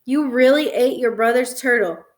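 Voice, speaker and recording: A woman's voice: fairly high pitch, moderate pace, lightly acted. A woman voicing a flustered mother of two young boys who scolds and coaxes. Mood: coaxing. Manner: exasperated, scolding.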